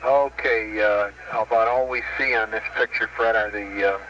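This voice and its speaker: A man's voice: lowish voice, fairly even intonation, bright, forceful tone. Man, crackly space radio transmission, distant, muffled, heavy static hiss. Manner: halting, with many filler sounds. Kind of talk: space-to-ground radio talk.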